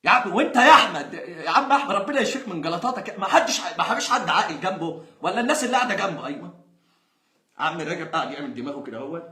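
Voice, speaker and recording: A young Egyptian football fan rants angrily in Egyptian Arabic, full of exasperation and sarcasm and sometimes laughing. His voice is a little high and sharp, sing-song and rapid-fire, with a roomy echo on the recording.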